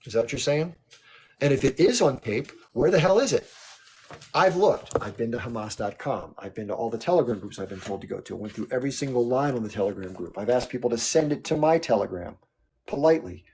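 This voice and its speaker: A man's voice: medium pitch, expressive, brisk, a little mellow, a little hiss or hum. A man hosting a live stream, arguing in an emphatic way and firing off rhetorical questions. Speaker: livestream host. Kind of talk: heated political monologue.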